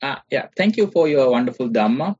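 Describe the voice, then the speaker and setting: A man's voice: medium pitch, expressive, brisk, darkish tone, breathy edge. A man from Sri Lanka, a seminary student politely asking hesitant questions. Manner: polite, hesitant, many fillers. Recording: dull lo-fi audio.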